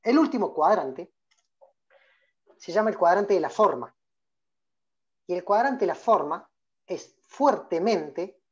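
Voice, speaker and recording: A Rioplatense public speaking trainer in his forties leads an interactive online workshop, asking many questions and calling on listeners by name. His voice sits on the high side with a darkish tone, and the video-call audio is muffled with the highs cut off.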